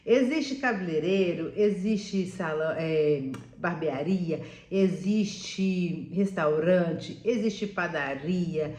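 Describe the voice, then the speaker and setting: A woman's voice: fairly low pitch, slow, a little mellow. A woman giving casual, chatty advice to viewers, often adding "né?" and calling the listener "meu amor". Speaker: vlogger living abroad. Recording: echoey room.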